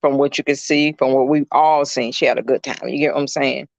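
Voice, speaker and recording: A man's voice: medium pitch, level tone, fairly quick, gravelly, no echo, highs cut off. A middle-aged man, a caregiver chatting casually on a livestream. He rambles, fills his talk with "you know" and greets viewers by name. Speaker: caregiver streaming live. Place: indoors at a client's home.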